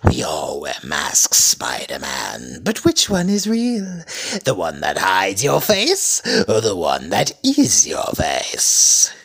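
A man voicing a theatrical, gleefully menacing cartoon goblin supervillain as an impression, with a raspy, gravelly voice that swings between shrill highs and low growls. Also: huge pitch swings, takes it slowly, a bit bright, exaggerated voice. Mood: taunting menace.

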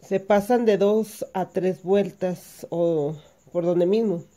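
A woman's voice: lowish voice, steady tone, slow, mellow. A woman giving a patient step-by-step hand embroidery lesson, explaining each stitch as she works. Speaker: embroidery teacher.

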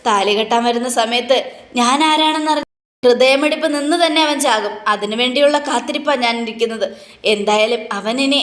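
A woman's voice: on the high side, fairly bright tone, natural voice. A woman voicing a bitter, vengeful mother who talks grimly of revenge. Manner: grim, spiteful talk of revenge. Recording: echoey room.

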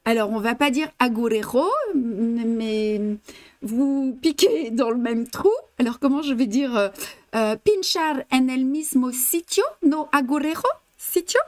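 Slow and patient, this female embroidery teacher runs a live stream demonstration, moving between languages as she works. Her step-by-step instructions are full of fillers, and she chattily greets viewers and replies to their comments. Her high-pitched voice is a little mellow, with no echo.

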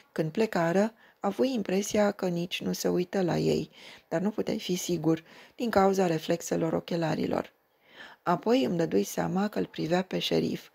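A woman narrating a literary short story in a measured, steady way. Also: on the low side, creaky, slightly rough.

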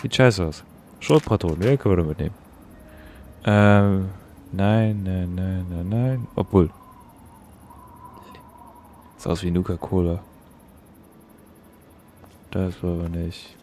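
A man's voice: sits low, slow, long pauses, mellow, slight background noise. A young man giving casual, slangy let's-play commentary and swearing at the game. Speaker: gaming YouTuber.

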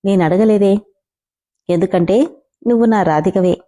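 A woman's voice: medium pitch, moderate pace, dark tone, natural voice. A woman voicing a smug young man who teases a woman over the phone in a storytelling reading. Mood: teasing.

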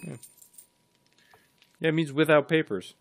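A man's voice: on the high side, a little slow, creaky. A man streaming a co-op game, chatting casually and reading facts aloud in a dry, matter-of-fact way. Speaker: gaming streamer. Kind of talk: casual co-op gaming chat.

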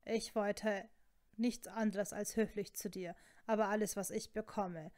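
A woman's voice: mid-range voice, fairly even intonation, a little slow, a little mellow, natural voice. A woman voicing a snarky, stubborn young wizard man with a dry, sarcastic drawl, in a storybook reading. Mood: snide.

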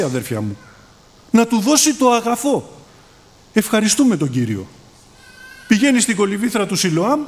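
Lively high-voiced male preacher. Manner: calls listeners brothers, voice rising and falling in emphasis. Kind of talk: sermon.

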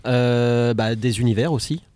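A young adult man, a guest on a casual roundtable podcast, talking in a relaxed way with hesitations. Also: mid-range voice, a little slow.

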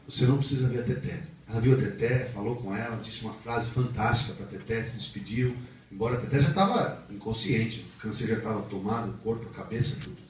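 A man with a Brazilian Portuguese accent preaching a sermon with personal testimony, heartfelt and at times animated. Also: mid-range voice, slight background noise. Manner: heartfelt storytelling, rising to animated emphasis. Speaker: missionary preacher. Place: chapel. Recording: echoey chapel from far off.

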